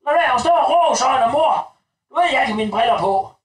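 A man's voice: very high voice, lively intonation. A man playing a crude, bossy mother who rambles bluntly and calls herself mum. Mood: rambling. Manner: crude, rambling, talks about herself as "mor". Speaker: sketch actor. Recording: roomy, distant recording.

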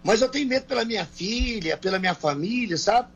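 A man's voice: sits high, expressive, brisk, a bit bright, breathy edge, dull audio. A man from Brazil, a country singer answering interview questions in a folksy, colloquial way over a remote call. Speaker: guest singer. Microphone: remote call, phone or earbuds.

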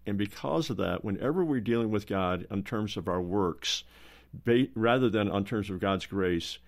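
A man in a roundtable discussion who speaks in a slow, halting way with many restarts. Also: on the low side, vocal fry. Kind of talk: casual roundtable talk.

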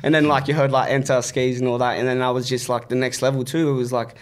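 A man with an Australian accent chatting casually as an interview guest, blunt and animated, with heavy slang and swearing. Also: mid-range voice, fast. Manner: blunt, animated storytelling with repeated "bro" and "like".

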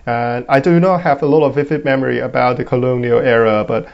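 Young man, hong kong accent, gravelly voice, thoughtful, lots of fillers, dull lo-fi line. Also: mid-range voice, fairly even intonation, a little fast. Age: 20s. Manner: thoughtful, many fillers and tag questions. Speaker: guest. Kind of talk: interview answers.

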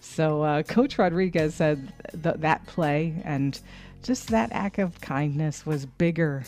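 A woman with a low voice co-hosts a morning radio show. She reads news stories in a chatty, conversational way and laughs easily. Faint music plays in the background. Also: takes it slowly, darkish tone. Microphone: studio microphone.

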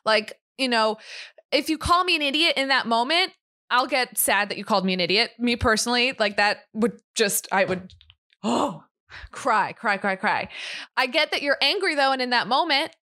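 A woman's voice: on the high side, fairly quick, sharp tone. A young adult woman co-hosting a casual chat, reasoning things through earnestly with a lot of "like" and "you know".

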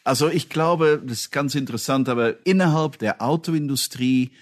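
A man's voice: medium pitch, moderate pace, dry recording, studio quality. A man from Belgium, a non-native German speaker, answering interview questions as a company chief in earnest, slightly broken German. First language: not German.

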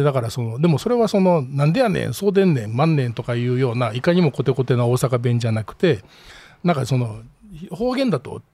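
A middle-aged man with a Kansai accent hosts a relaxed solo chat from his small office, rambling and self-deprecating, often chuckling. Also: mid-range voice, breathy edge, no echo. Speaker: podcast host.

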